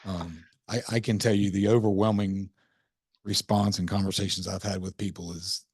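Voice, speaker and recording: A man hosting a podcast in casual interview conversation, reflective and halting, often restarting his sentences. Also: low-pitched, steady tone, darkish tone, husky, no room sound, clean studio sound. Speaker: podcast host.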